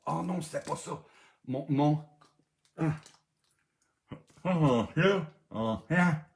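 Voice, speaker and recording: A man with a Québécois French accent hosts a live-streamed game night, laughing often and crying out as he repeats the answers. His pitch jumps all over while his pace stays slow and unhurried. The sound bounces around an echoey room. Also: expressive, gravelly.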